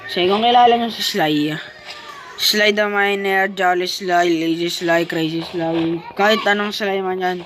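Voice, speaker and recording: A woman's voice: fairly low pitch, measured pace. Playful chatty woman gaming vlogger, noisy background. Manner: playful, chatty, self-talking while playing. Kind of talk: casual gameplay commentary.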